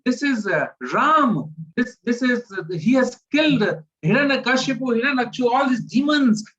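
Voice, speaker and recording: A man voicing a fiery, protective older-brother boy god who booms threats and then wails in helplessness. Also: animated, normal speed, a bit bright. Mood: awed. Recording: dull lo-fi recording.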